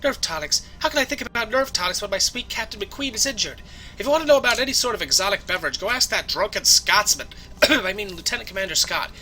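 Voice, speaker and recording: A huffy young waitress, as a man puts her on, scolding in a high, swooping voice. She turns gushing and doting, bright and animated throughout. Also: fast talker, soft background music, full character voice, poor audio. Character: indignant, fawning young woman waitress.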